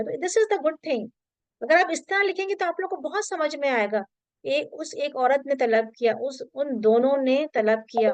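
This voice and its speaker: A woman's voice: high voice, no echo. A woman teaching an online Arabic grammar class, patient and reassuring, slipping English terms into her explanations.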